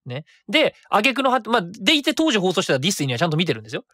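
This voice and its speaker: Hosting a solo web radio show, a man in his thirties talks in a high voice, rambling casually and catching and correcting himself in a quick, animated way. The recording is dry and studio quality.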